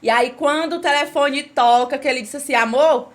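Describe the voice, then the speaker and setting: A woman with a high voice tells a personal faith testimony as a podcast guest. She talks with animated storytelling and acts out the lines of the people in her story. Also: normal speed.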